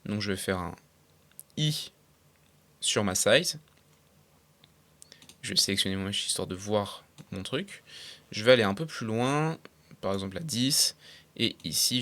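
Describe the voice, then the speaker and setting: A young man talking casually through a software tutorial step by step, with frequent fillers and English terms mixed in. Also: lowish voice. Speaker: tutorial creator. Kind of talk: screen-recorded software tutorial.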